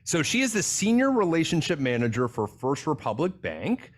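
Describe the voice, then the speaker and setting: Lively male podcast host. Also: a little high, normal speed. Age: older adult. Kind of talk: casual interview chat.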